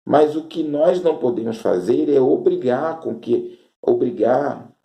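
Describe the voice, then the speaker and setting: A Brazilian man preaching in a very dark, mellow voice, unhurried and emphatic. He lays out his points slowly, piling up repeated phrases one after another. The recording carries a roomy echo. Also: medium pitch, expressive, vocal fry. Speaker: apostle and preacher. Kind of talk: preaching commentary on current events.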